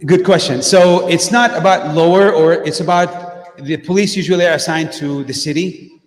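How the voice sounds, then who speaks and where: A man's voice: fairly high pitch, fairly even intonation, normal speed. A middle-aged man giving a direct, plainspoken talk as a guest speaker at a mosque, with frequent fillers and restarts. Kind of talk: informal community talk with Q&A. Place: mosque hall. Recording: echoey hall with long reverb.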